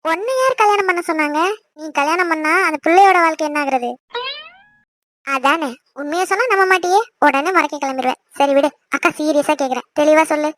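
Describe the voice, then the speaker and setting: A woman's voice: high voice, a little fast, fairly bright tone, dry recording. A woman voicing a teasing, bossy young older sister in a family cartoon, with a chirpy voice. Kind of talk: cartoon voice acting.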